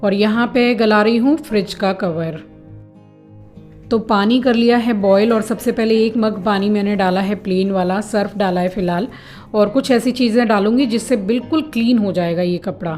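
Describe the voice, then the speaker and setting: A woman's voice: normal speed, soft background music. A middle-aged woman chatting casually through a home vlog, talking about her meals and chores. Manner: chatty, scolds her pet dog in a high sharp voice. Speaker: vlogger, homemaker.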